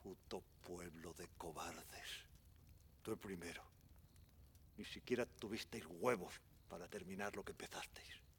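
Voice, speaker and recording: Film drama: an older Spanish man, low and slow, bitter haunted witness, taunting and insinuating. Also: expressive, a little hiss or hum. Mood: bitter, mocking. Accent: Spanish, from Spain.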